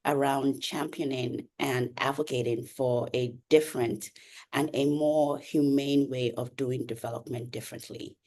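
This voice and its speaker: A woman's voice: a bass voice, fairly even intonation, unhurried, darkish tone. A woman introducing herself as a panel guest over a video call, earnest, with frequent um and uh fillers. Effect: heard over a video call. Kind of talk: webinar self-introduction. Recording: remote call audio.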